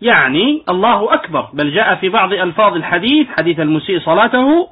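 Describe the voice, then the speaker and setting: Male religious scholar, high husky voice, methodical lecturing tone, lo-fi phone-like recording. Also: big pitch swings, fast. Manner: explanatory, demonstrates wrong pronunciations. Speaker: Islamic scholar teaching jurisprudence. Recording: tinny phone-like lo-fi audio.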